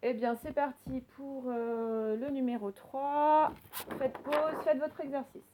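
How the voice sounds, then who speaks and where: A woman teacher recording a reading lesson for young children, slowly sounding out words and giving gentle instructions. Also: high voice, fairly even intonation, background noise. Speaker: primary school teacher.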